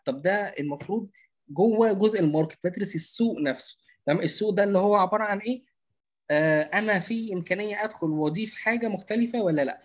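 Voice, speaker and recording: A marketing instructor with an Egyptian Arabic accent and a high voice teaches a live online class over a video call, captured by his computer mic. He talks fast, stretches out lots of fillers, and checks in with students often.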